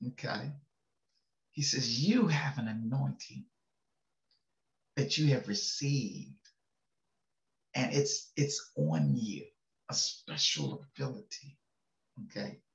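An older male pastor with a medium-pitched, creaky, fairly bright voice gives a casual, folksy devotional sermon from his indoor home study lined with bookshelves. He chuckles and checks in with listeners. It's captured on a video call webcam, sounding echoey and slightly dull.

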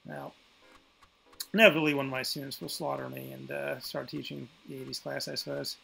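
A man's voice: medium pitch, flat delivery, a little fast, vocal fry, sharp tone, slightly rough, soft background music. A man giving casual gameplay commentary as a streamer, full of wry, self-mocking asides. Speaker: game streamer.

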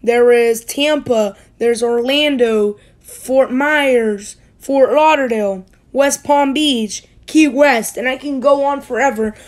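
Speaking slowly in a voice that sits high, an American school-age kid narrates a hobby channel. The delivery rambles casually, with frequent self-corrections.

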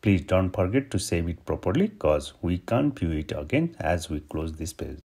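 A man from Nepal hosting a step-by-step software tutorial, giving steady instructions over a screen recording. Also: low voice, moderate pace, creaky, husky. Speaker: tutorial host.

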